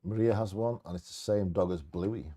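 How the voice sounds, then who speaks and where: Male co-host for bingo, low-pitched and warm, part scripted reading, part offhand chat. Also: moderate pace. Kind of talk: reading short fact blurbs with casual asides.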